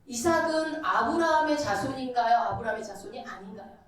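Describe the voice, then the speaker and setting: A woman preacher giving a lively, conversational sermon full of rhetorical questions, heard from far off in an echoey church. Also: fairly high pitch, a little fast. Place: church sanctuary.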